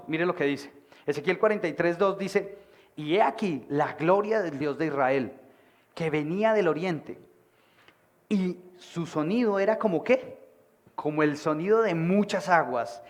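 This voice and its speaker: A man preaching a sermon to his church, projecting his voice and acting out characters in the stories. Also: fairly high pitch. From Colombia. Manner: animated, acts out voices of people in stories. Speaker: pastor. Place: church meeting hall.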